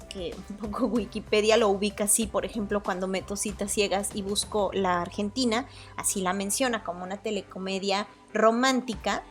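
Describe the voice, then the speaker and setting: A woman with a Mexican Spanish accent hosting a solo podcast, talking in a chatty, hedging way and often correcting herself. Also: mid-range voice. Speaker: podcast host. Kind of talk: casual solo podcast commentary.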